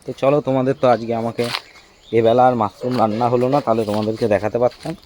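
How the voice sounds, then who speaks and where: A man's voice: mid-range voice, fairly even intonation, racing, darkish tone, a little hiss or hum. A man, chatting to camera and family in a casual outdoor village vlog. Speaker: family vlogger.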